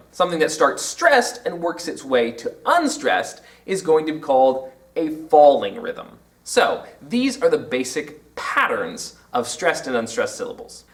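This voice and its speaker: A man explaining poetry terms in an educational video lesson, with emphatic, drawn-out example words. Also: fairly high pitch, fairly bright tone, distant mic.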